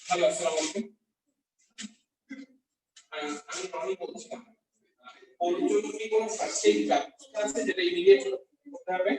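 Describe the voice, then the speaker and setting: A man playing a young man who tends a friend in distress. He sounds urgent at first, then talks calmly, coaching the friend to breathe slowly. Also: high-pitched, music in the background. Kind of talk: amateur short-film acting. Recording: very echoey room, voice far from mic, faint noise.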